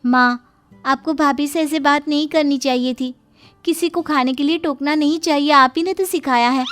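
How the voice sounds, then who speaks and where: A woman's voice: high-pitched, fairly even intonation, normal speed, fairly bright tone, soft background music, voice pushed up. A woman voicing an eager, girlish young sister-in-law in a cartoon story, wheedling sweetly.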